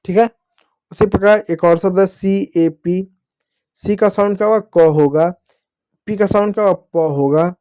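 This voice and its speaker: High-voiced man teaching phonics. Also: normal speed, pauses often, warm tone, clear, resonant tone, no echo, studio quality. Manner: patient, repeats questions and answers them himself. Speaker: English teacher. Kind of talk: classroom-style phonics lesson.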